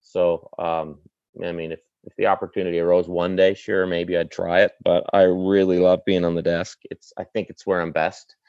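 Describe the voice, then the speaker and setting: A middle-aged man with a fairly low voice and a light Maritime Canadian twang talks casually, like a broadcaster off duty. He is plain-spoken and slangy, in a dry, slightly dull recording. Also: level tone, normal speed, a little mellow, smooth, no echo. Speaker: sports broadcaster, desk anchor. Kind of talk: casual interview chat.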